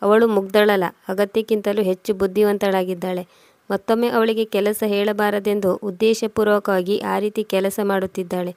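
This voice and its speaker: A quarrelsome young wife with a scolding tongue, as a woman narrator voices her in an audio storybook. The voice stays level and flat in pitch. It sounds dry and close, with no room around it. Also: moderate pace, dry recording, natural voice. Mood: angry. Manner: scolding, defiant.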